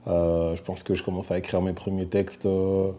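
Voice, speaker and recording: A middle-aged man from Belgium speaks in a low, very dark and mellow voice. He answers questions softly and hesitantly, with frequent fillers and restarts. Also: little pitch movement, moderate pace. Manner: soft-spoken, hesitant with many fillers. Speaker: musician guest. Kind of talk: casual interview answers.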